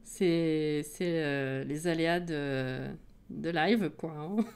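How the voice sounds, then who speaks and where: A woman's voice: low voice, drawn-out words, a little mellow, clear, resonant tone. A woman streamer in casual chat with her viewers, laughing often and greeting people as they come in.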